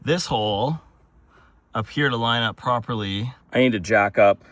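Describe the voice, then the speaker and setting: A man's voice: mid-range voice, normal speed, a bit bright, no echo. A man chatting to viewers in a casual how-to vlog, grumbling with humor while he works outdoors, recorded on a handheld phone. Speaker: DIY vlogger. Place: outdoors on wet grass beside a pickup truck.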